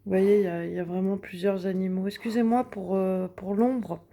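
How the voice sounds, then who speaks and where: A woman's voice: mid-range voice, steady tone, fairly quick, gravelly, warm tone. A young woman showing her finished coloring pages in a casual vlog, chatty and hesitant with many fillers and restarts, sitting at home in front of a window. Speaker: coloring vlogger. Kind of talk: casual show-and-tell vlog.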